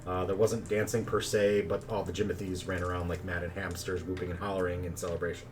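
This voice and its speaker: A man running a tabletop game as game master, narrating in a relaxed, chatty way with plenty of fillers. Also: deep voice, brisk. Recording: distant mic, faint background noise.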